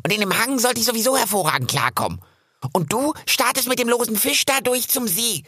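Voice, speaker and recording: A man's voice: extremely high pitch, animated, fairly quick, bright, forceful tone, breathy edge, no room sound, clean studio sound, voice pushed up, exaggerated voice. A man voicing a chatty, cheerful squirrel in a storybook, talking in a choppy, rambling stream. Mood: eager.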